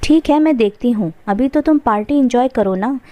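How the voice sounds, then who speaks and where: A woman's voice: fairly high pitch, moderate pace, dull audio, natural voice. A woman voicing a scornful, bossy middle-aged daughter-in-law in a narrated story. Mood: evasive. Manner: bossy, scolding.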